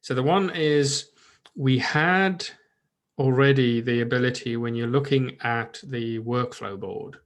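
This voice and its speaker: A man explaining new software features to a colleague in easygoing conversation. He often circles back and restarts his sentences, and his voice sits at an ordinary middle pitch. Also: unhurried. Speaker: product update presenter. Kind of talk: casual product update chat.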